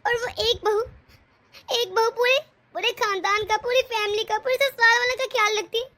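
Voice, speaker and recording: A woman's voice: very high-pitched, fairly even intonation, brisk, sharp tone, a little hiss or hum. A woman voicing a young pregnant daughter-in-law who pleads tearfully in a cartoon story. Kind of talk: cartoon voice acting.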